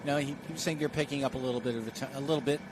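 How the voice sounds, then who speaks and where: A man's voice: medium pitch, steady tone, very fast. An American man chatting as co-commentator in conversational live sports coverage. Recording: clear outdoor vehicle noise behind.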